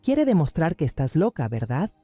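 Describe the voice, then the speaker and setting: A man voicing a fierce, loyal older woman baker in a storybook narration, talking with forceful determination. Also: fairly high pitch, very animated, moderate pace, no room sound, soft background music. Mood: determined.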